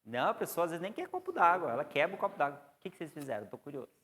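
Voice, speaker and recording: A man's voice: fairly high pitch, huge pitch swings, rapid-fire, a bit bright. A man with a Brazilian Portuguese accent giving a classroom lecture on psychoanalysis, explaining and putting questions to the class. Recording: long hall reverb.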